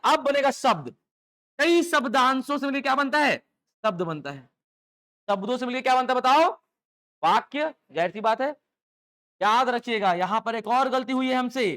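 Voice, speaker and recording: A male teacher delivering a live lecture to a room of students, pausing often to quiz them and draw answers back in chorus. His delivery swings between raised, emphatic questions and quieter asides as he explains the basics step by step. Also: high voice. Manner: call-and-response questioning, lively rhetorical checks. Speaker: English teacher for exam coaching. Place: classroom with students.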